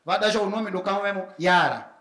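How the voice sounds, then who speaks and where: A man's voice: high voice, brisk, fairly bright tone. Angolan man doing stand-up, echoey room. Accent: Angolan Portuguese. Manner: slangy, acts out neighbors in quoted voices. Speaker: stand-up comedian. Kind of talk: stand-up comedy set. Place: stage at a comedy festival.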